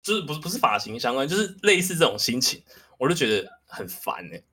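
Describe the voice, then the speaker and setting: Young male podcast host, animated, pitch rising and falling freely, candid casual chat. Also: quick pace, husky. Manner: candid, animated, self-deprecating.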